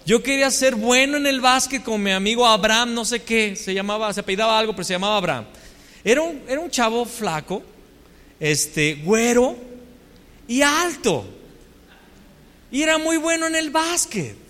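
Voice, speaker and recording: A man's voice: extremely high pitch, expressive, moderate pace, bright, forceful tone. A man with a Mexican accent preaching a storytelling sermon, full of rhetorical questions and self-mocking humor. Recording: long hall reverb.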